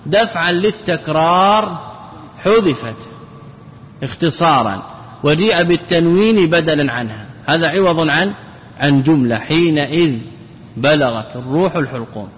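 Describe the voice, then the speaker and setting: A male scholar teaching a grammar lesson, explaining step by step, repeating himself and slowing down to recite quoted examples. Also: a little high, expressive, fairly bright tone. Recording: long hall reverb.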